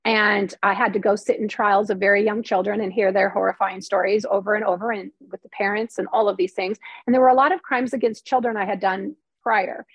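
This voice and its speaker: A middle-aged woman, once a TV news reporter and now a novelist, tells an emotional personal story in a candid interview, her mid-range voice fairly even in intonation, brisk, and slightly rough, with hardly any pauses and no echo. She's chatty and earnest, leaning heavily on "like" and "you know" and acting out quotes.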